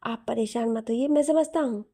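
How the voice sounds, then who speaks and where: A woman voicing a calm, gentle young man in a storybook reading. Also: on the high side, moderate pace. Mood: reassuring. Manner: calm, reassuring.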